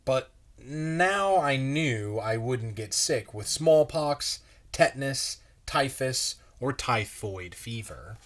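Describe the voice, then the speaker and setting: A man reads a children's story the way a pastor would to young listeners. He goes very slowly and deliberately at an average male pitch, with expressive delivery suited to kids.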